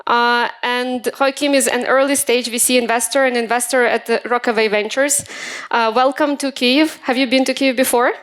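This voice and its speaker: A woman's voice: a little high, fairly even intonation, normal speed, a bit bright. Chatty woman hosting a startup event. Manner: chatty, hesitant, many fillers. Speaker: event host. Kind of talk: moderating a startup demo day. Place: event stage in Kyiv.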